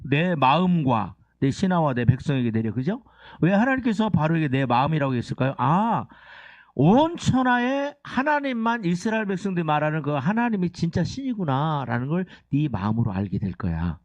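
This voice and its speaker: A male pastor with a slightly high voice preaches a Sunday sermon in a church sanctuary at a moderate pace, animated as he keeps asking the congregation questions and leads call-and-response reading. The recording is dry, with the highs cut off.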